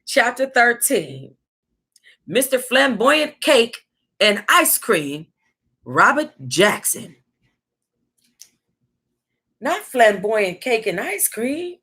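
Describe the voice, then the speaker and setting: Reading a tell-all to her book club, an American host speaks in a fairly high, breathy voice, drawing out words and leaving long pauses. She's sassy and casual, reacting animatedly and breaking into laughter and side comments.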